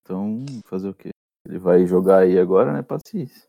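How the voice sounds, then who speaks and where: A man's voice: low-pitched, fairly quick, creaky, dry recording, narrow, tinny audio. A man with a Brazilian Portuguese accent chatting casually on a football podcast, joking in a wry, exasperated way. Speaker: podcast panellist.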